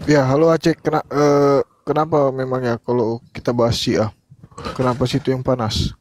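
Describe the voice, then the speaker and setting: A man's voice: medium pitch, level tone, normal speed, darkish tone. A man co-hosting a casual chat, asking plain-spoken questions.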